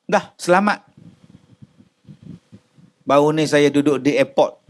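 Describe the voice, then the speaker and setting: A male preacher with a Malaysian Malay accent and a fairly high voice delivers a humorous sermon. He keeps shifting into short acted-out exchanges between characters as he talks to his congregation. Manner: animated, acts out quick comic dialogues. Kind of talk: comic religious lecture.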